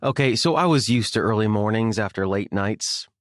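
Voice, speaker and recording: A male audiobook narrator tells the story in the first person, low-pitched and wry with a sardonic bite. The studio sound is close and dead dry. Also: moderate pace, dry recording. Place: recording studio. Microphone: close studio mic.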